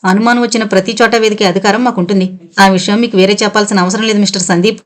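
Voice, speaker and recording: A woman's voice: mid-range voice, fairly even intonation, very fast, natural voice. Woman voicing a stern police inspector. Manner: blunt, commanding.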